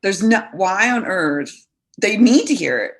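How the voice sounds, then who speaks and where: A woman's voice: mid-range voice, sing-song, measured pace. A woman hosting a podcast, chatting casually and emphatically, acting out little everyday scenes. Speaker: podcast host. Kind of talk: casual chat.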